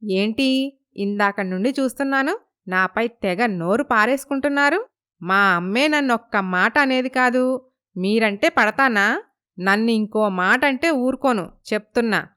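A woman's voice: a little high, a little slow, a bit bright, smooth. A woman voicing a spoiled young bride who talks back defiantly and sulks. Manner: petulant, defiant.

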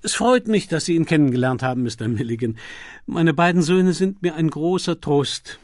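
A woman's voice: low voice, expressive, normal speed, darkish tone, no room sound, studio quality, voice pushed up. A man voicing a gracious, shrewd older duchess who gushes sweetly and persuasively. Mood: fond. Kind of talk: audiobook character voice.

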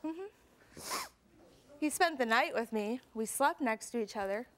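A woman's voice: on the high side, lively intonation, a little slow, slight background noise. A woman guest on a talk show, accusing and defensive in a heated confrontation.

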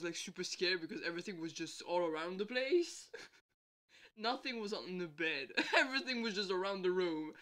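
Sick with a bad cold, a vlogger rambles casually through a late-night chat at home, laughing often. The voice sits in the mid range and has a sharp tone.

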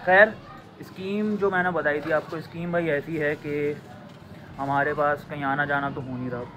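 Young male vlogger, slow and halting, slightly high voice, noisy outdoor phone recording. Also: steady tone. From Pakistan. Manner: slow, drawn-out talk that stumbles over words. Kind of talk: casual vlog talk to camera. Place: outdoors on a home rooftop.

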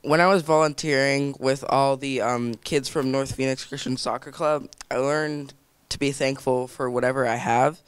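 A teenage boy who founded a charity, talking earnestly and a little haltingly into a handheld microphone indoors. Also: mid-range voice, steady tone, clean tone, no echo. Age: teens. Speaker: nonprofit founder. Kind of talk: earnest panel talk. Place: indoor room.

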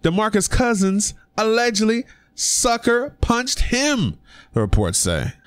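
A man's voice: sits high, huge pitch swings, a little slow, smooth, no room sound, clean studio sound. A young man talking casually on his own vlog, giving his opinion with emphatic rhetorical questions. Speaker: sports commentary vlogger. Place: indoor room.

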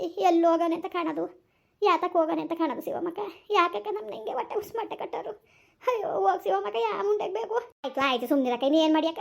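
A woman playing a distraught older village mother in a family drama, wailing and scolding in quick rural speech. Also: extremely high pitch, vocal fry.

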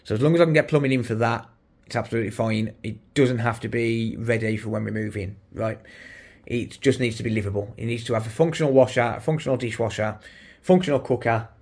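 A lowish, slightly mellow male voice belongs to a middle-aged electronics repair YouTuber from the West Midlands of England. He wanders through his half-finished renovation, rooms and garden alike, recording on a handheld phone and rambling casually with frequent fillers and self-corrections.

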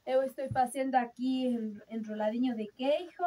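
A woman's voice: sits high, fairly even intonation, warm tone, slight background noise, low-quality recording. A young woman vlogging from her rural mountain home, chatting directly to viewers as she shows things around her on a phone camera. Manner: chatty, slow and explanatory, addresses viewers directly. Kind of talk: casual show-and-tell narration. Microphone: phone camera held by speaker.

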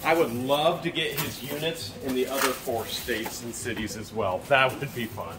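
A man in his thirties hosting a vlog, talking excitedly and joking while he opens boxes in a metal storage unit, handheld camera nearby. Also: medium pitch, moderate pace, over a noisy crowd. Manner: eager, joking, talks while working with his hands. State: sweating. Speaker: vlog host. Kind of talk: excited casual chat while unboxing.

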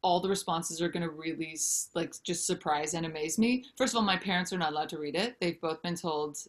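A singer-songwriter and author in her thirties chats candidly and animatedly over a video call from a home room with a brick wall, gesturing with her hands. It's a casual interview, and her voice sits low and moves a little fast.

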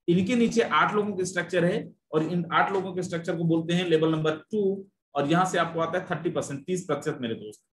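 A man presenting an investment plan in a persuasive sales pitch, repeating figures and mixing in English phrases. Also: reverberant.

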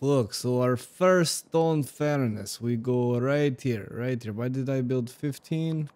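A man's voice: mid-range voice, slow pace, noisy background, close to an everyday voice. A man putting on a mock Russian accent and broken English as a boastful gamer who repeats himself. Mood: musing. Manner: broken English, repeats phrases, brags and blusters.

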